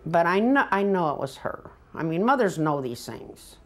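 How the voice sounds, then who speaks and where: A woman's voice: on the low side, sing-song, normal speed, soft background music. A mother in an interview, earnest and emotional as she recounts her search. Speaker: mother of a missing woman.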